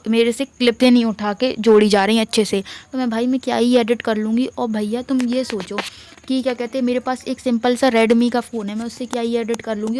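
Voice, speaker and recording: A young woman with a slight lisp, excitedly telling a story to her vlog camera in a chatty, animated way. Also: on the high side. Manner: excited, chatty, quotes her mom in lively voices. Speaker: vlogger.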